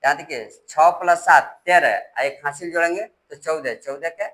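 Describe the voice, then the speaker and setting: Male math tutor, bright slightly high voice, patient and repetitive, spells out numbers digit by digit. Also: normal speed, low-quality recording. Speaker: math teacher. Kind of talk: step-by-step classroom explanation.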